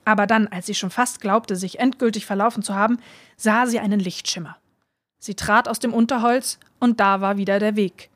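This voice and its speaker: A woman reading a children's storybook aloud in a clear, measured way. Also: mid-range voice, steady tone, dry recording, studio quality. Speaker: reader.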